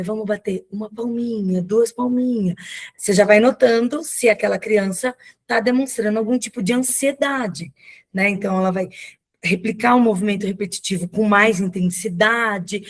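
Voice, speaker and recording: A woman giving a slow, explanatory online lecture as guest speaker on children's ministry, often checking in with the listeners, heard over a video call. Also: medium pitch. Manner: slow, explanatory, many "né?" tags.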